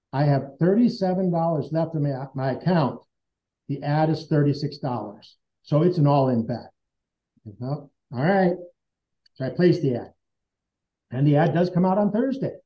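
A man's voice: on the high side, animated, moderate pace, long pauses. A man being interviewed as a guest, telling a personal story in an earnest, conversational way and acting out remembered dialogue. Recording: dull lo-fi sound.

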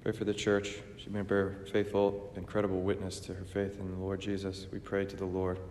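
A man with a low-sitting, darkish voice acts as a priest celebrating Mass, solemnly intoning the prayers in a monotone at a slightly fast pace. Sound reflects through a roomy church with long cathedral reverb, and faint noise is present.

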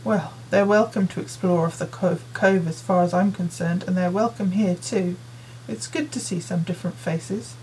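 A woman voicing a busy working mother who fusses and hands out chores in a brisk, nagging way, read as an audiobook character. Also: on the low side, fairly even intonation, a little mellow, slight background noise, close to an everyday voice, rough recording. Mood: coaxing. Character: busy, fussing working mother in her forties.

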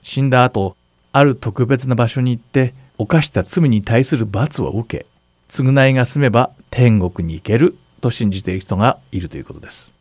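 A man serving as pastor, calmly explaining scripture in a Bible question-and-answer talk. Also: medium pitch, normal speed, no echo. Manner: calm, explanatory, asks partner to read verses. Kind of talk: Bible Q&A teaching.

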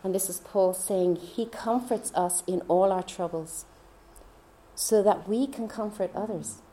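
Chatty woman with a mellow voice. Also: medium pitch, a little slow, echoey room. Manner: chatty, laughs often, dips into soft whispers. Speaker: speaker. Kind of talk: personal faith testimony.

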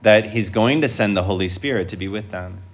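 Low-voiced male priest addressing a congregation. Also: fairly quick. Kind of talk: Gospel reading and homily to a congregation. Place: church, speaking before a congregation.

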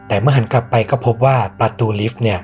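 A man's voice: medium pitch, fairly even intonation, fast talker, a little mellow, soft background music. A man hosting a podcast, telling a true ghost story in a suspenseful, conversational way. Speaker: podcast host.

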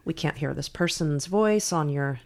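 A woman's voice: low-pitched, normal speed, darkish tone. A woman co-hosting a podcast in casual chat, her voice scratchy from a sore throat. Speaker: podcast co-host.

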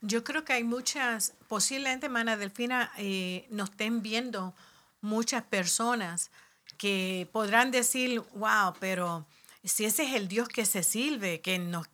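A woman co-hosting a faith podcast, speaking in a slow, measured way to her guest. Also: medium pitch, bright, forceful tone. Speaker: podcast co-host. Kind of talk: reflective faith talk.

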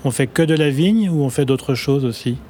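Male radio host, dark relaxed timbre, informal and direct. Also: medium pitch, normal speed, slight background noise. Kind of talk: radio interview.

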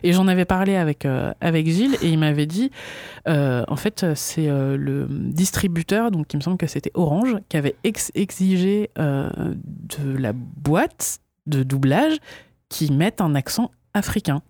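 A woman's voice: sits low, animated, measured pace, mellow, no room sound. A woman chatting casually, telling a story with many restarts and fillers. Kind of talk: casual chat.

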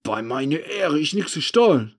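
A man's voice: high voice, normal speed, a little mellow, pitched above the performer's own voice. A man doing a nervous shifty street thief. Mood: agitated. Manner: broken German, agitated and pleading.

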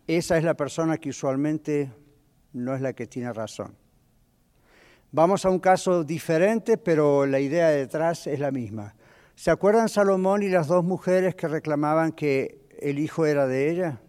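In a church hall with long reverb, a man teaches a Bible lesson as pastor, keeping it conversational and questioning his congregation. His voice is a little high and darkish, and he moves at a moderate pace.

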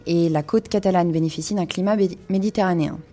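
A woman's voice: lowish voice, quick pace, dark tone. A woman presenting a weekly radio column on wine, speaking in a studio with frequent hesitations and fillers.

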